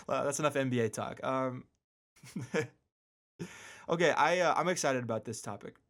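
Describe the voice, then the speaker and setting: This solo radio host speaks slowly in a mid-range, somewhat bright voice, pausing often. His style is casual, with slangy asides and emphatic repetition of words.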